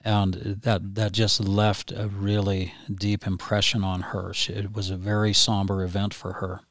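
A middle-aged man hosting a podcast, speaking in a slow, measured way. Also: fairly low pitch, little pitch movement, no room sound, studio quality. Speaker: podcast host, hypnotist. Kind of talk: gentle interview talk. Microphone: podcast mic.

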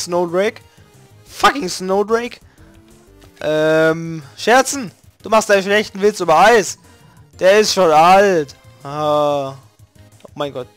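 A man hosting a let's play, reading game text aloud and making relaxed, swearing asides. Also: sits high. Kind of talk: casual gaming commentary reading game text. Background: faint video game music.

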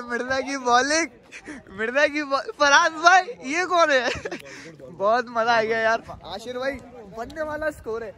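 A man's voice: very high-pitched, bright, forceful tone. A young man gives eager ball-by-ball commentary on a street cricket match, cheering his teammates on. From Pakistan. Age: young adult. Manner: eager, counting balls and runs, cheering teammates. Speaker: vlogger and team player. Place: outdoor street cricket ground at night. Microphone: handheld phone. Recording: outdoor phone audio with crowd noise.

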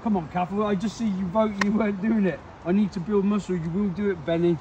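High-voiced young man, chilled from cold water. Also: steady tone, fast, darkish tone, highs cut off. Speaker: fitness live-stream host. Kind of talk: casual live-stream chat, rallying viewers. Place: outdoors, in and beside a park river. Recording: noisy outdoor recording.

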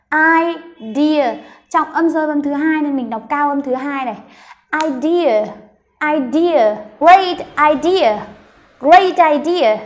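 A woman's voice: sits high, a little mellow. A woman with a Vietnamese accent teaching English pronunciation, spelling out sounds one at a time, then repeating words and sentences. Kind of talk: slow step-by-step pronunciation lesson.

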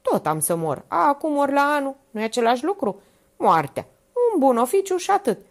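A frail, sickly young woman with a quiet, detached and fatalistic way of speaking, as a woman narrator puts her on. Her voice sits a little above the reader's own and still moves in wide, expressive contours. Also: high-pitched, voice pushed up. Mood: resigned.

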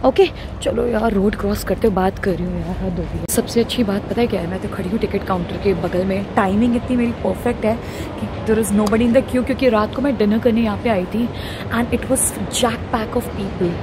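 A young Indian woman with an Indian English accent vlogging in casual, excitable chat as she walks through a snowy city, mixing Hindi and English. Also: medium pitch, moderate pace, music in the background. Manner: chatty, excitable, talks while walking. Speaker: travel vlogger.

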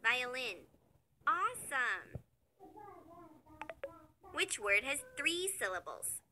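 Lady doing a kids app lesson, high bright voice that swoops around, music playing behind. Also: very animated, noisy background. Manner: slow, sing-song and cheery, with praise calls between words. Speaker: children's learning app narrator. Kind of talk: scripted children's lesson narration.

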